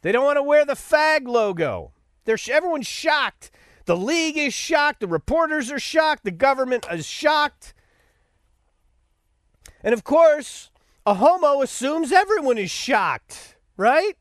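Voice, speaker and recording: A man's voice: very high voice, big pitch swings, unhurried, fairly bright tone, no echo, studio quality. A man hosting a podcast, delivering a sarcastic, rambling commentary monologue with stammered restarts. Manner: sarcastic, mocking. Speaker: podcast host.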